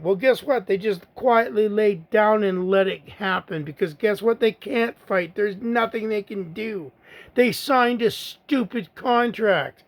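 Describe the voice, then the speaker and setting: A man's voice: high voice, darkish tone. A middle-aged man, giving a blunt, angry political rant to the camera, repeating his own rhetorical asides. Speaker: vlogger.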